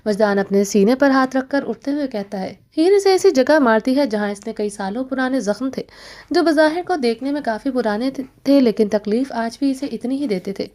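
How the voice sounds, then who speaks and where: High-voiced woman narrating a romance novel. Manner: steady storytelling with occasional restarts. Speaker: audiobook narrator.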